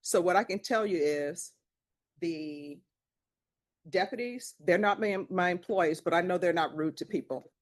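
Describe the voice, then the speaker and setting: Woman judge, firm and measured, lecturing from the bench. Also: fairly low pitch. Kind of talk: courtroom proceedings. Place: courtroom.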